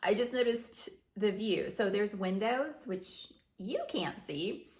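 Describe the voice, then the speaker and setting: A woman's voice: mid-range voice, expressive, slow pace, darkish tone, reverberant. A woman hosting her own show, talking casually and rambling, laughing often, from her office. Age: adult with teenage daughter. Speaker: podcast host. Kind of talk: unscripted casual monologue. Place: home office with windows.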